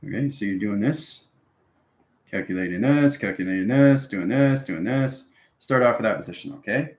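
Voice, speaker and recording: At a normal speed and with a darkish tone, a man with a lowish voice hosts a spiritual channel, improvising an esoteric lecture. He repeats his instructions to viewers and often checks in using "okay" and "right." The space echoes noticeably.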